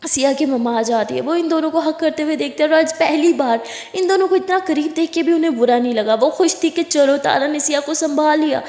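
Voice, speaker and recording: A woman casually narrating a romance story aloud, voicing the characters' lines with lively shifts. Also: high voice. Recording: echoey room with long reverb.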